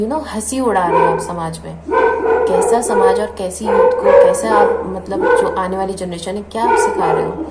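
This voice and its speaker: A woman vlogger giving an earnest, indignant opinion, repeating the same filler word often. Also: mid-range voice. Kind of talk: opinionated commentary vlog. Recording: echoey room with clear background noise.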